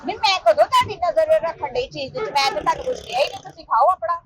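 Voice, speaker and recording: A woman's voice: very high-pitched, animated, racing. A woman, performing a comic street sketch, needling and teasing while she feigns innocence. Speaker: comedian. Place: outdoor food stall. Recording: busy outdoor crowd and street noise.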